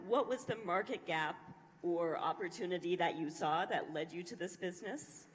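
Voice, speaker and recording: A woman moderating a conference panel, posing long, structured questions to the panelists in a measured way. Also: lowish voice. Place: large conference hall. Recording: reverberant conference hall, faint ambience.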